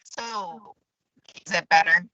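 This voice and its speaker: A woman with a low voice and a sharp, tense edge talks over a weak connection from a parking lot. Her audio stutters and drops in and out, and she often restarts her sentences. The sound is dull and dry, like a patchy video call. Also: slow, dry recording. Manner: hesitant, with many restarts. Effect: choppy audio cutting out on a weak call connection. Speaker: clinician. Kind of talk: virtual meeting discussion. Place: parked car lot between patient visits. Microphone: video call on a phone or laptop.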